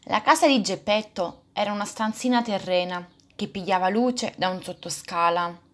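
A woman's voice: mid-range voice, moderate pace, fairly bright tone. Woman reading a storybook aloud. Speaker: reader.

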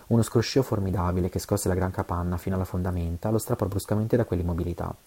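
A man's voice: sits low, steady tone, quick pace, mellow, slightly rough. A man reading an adventure novel aloud, with occasional stumbles and self-corrections. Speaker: audiobook reader.

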